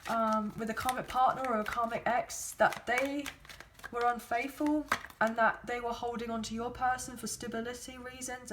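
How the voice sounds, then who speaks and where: A fairly high-pitched woman, a tarot card reader, gives a casual spoken reading over background noise. She's chatty and rambling, hedging constantly with ums and other fillers. Her throat is sore and she's losing her voice.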